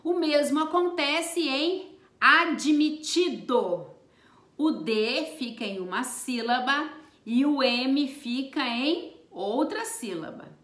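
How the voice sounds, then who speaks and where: Slow, bright-voiced woman teaching grammar. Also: sits high, animated, roomy sound. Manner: spells out letters and stresses example words. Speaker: Portuguese teacher. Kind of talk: slow, deliberate grammar lesson.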